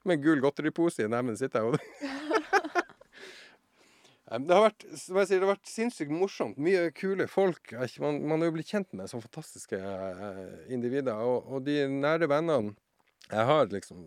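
A man telling a funny story as a podcast guest, acting out voices and shouting some lines. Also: mid-range voice, no echo, clean studio sound. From southern Norway. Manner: animated anecdote-teller, acts out voices and shouts. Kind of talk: casual storytelling.

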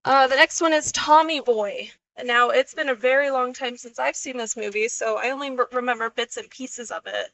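Woman, podcast guest, fairly high voice, bright tone, chatty, chimes in. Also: low-quality recording. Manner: chatty, quick to laugh and chime in. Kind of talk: casual chat.

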